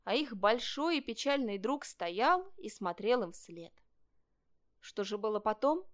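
A woman reading a children's story aloud, narrating in a lively, expressive way. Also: on the high side, a little slow.

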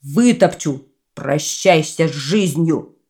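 A woman voicing an angry male dragon, lord of the forest, who threatens in a slow, booming voice. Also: lively intonation, a little mellow, full character voice. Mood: furious.

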